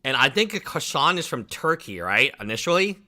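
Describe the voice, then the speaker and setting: Rambling through a casual reaction stream and leaning heavily on "like," this Chinese livestream host in his thirties speaks Chinese as his first language. He has a sing-song, sharp, mid-range voice at a moderate pace.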